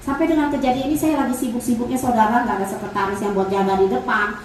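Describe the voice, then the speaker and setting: A woman's voice: fairly high pitch, quick pace. A woman giving a conversational church testimony, telling family stories and speaking straight to the congregation. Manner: lively storytelling, acting out family dialogues; keeps addressing the congregation directly. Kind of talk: conversational sermon with storytelling. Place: large church hall. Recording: very echoey hall, mic far off, faint noise.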